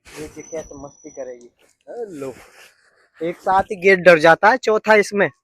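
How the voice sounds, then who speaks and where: A man's voice: fairly high pitch, measured pace, fairly bright tone, slightly rough, no room sound. A man chatting casually to his viewers in a family vlog, affectionate and playful with his children. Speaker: family vlogger. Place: home, indoors and rooftop.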